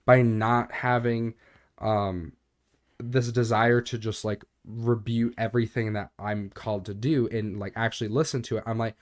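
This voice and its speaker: On a podcast he co-hosts, a young man speaks about faith in an earnest, rambling way, using lots of fillers and coughing now and then. He has a lowish voice with little pitch movement and a moderate pace.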